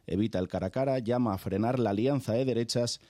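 A man reviewing the day's newspaper headlines on a talk panel, with a steady, informative delivery. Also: medium pitch, fast talker, dry recording, studio quality. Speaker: press reviewer. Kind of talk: reading newspaper headlines on air.

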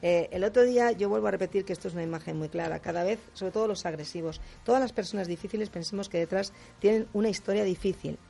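A woman speaking as a guest on a radio talk show, explaining in a lively way, acting out quotes and often adding quick tag questions. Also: medium pitch, creaky, slightly rough. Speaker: guest speaker on difficult personalities.

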